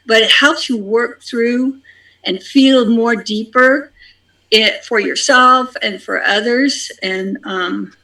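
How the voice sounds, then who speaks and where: This speaker talks very slowly and halts often, filling the gaps with ums and repeating phrases. The tone is bright and forward, and the words are shared with a spiritual discussion group. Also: mid-range voice, rough recording. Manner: halting and unhurried, with many ums and repeated phrases. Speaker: community member sharing a practice.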